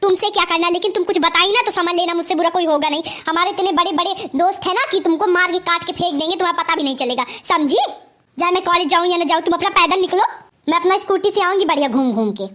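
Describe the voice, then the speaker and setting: Spoiled scheming college girl, voiced by a woman, Awadhi-tinged Hindi, high-pitched, bossy and sly, cartoon. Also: fast, sharp tone. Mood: scornful. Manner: bossy and sly, sweet to her mother, mean in asides. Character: spoiled scheming young woman, college-going elder daughter. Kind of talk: cartoon comedy voice acting.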